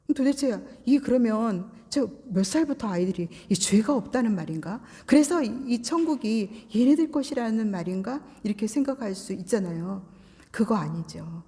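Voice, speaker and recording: A woman's voice: fairly high pitch, mellow, long reverb tail. A woman pastor giving a sermon in conversational style, asking the congregation questions. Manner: conversational preaching with rhetorical questions. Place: church sanctuary.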